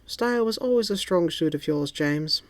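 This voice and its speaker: A woman's voice: lowish voice, lively intonation, moderate pace, no room sound, pitched above the performer's own voice, close to an everyday voice. A man voicing a coy, flirty female office secretary who teases playfully. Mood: teasing. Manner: playful, teasing.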